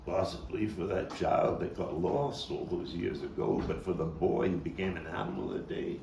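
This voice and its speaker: A stage actor delivers a theatrical monologue as a haunted man from Brooklyn, confessing with a low, gravelly voice. The delivery is brooding and halting, heavy with bitterness, anguish, torment and remorse. A distant microphone picks it up in a roomy space, along with faint noise.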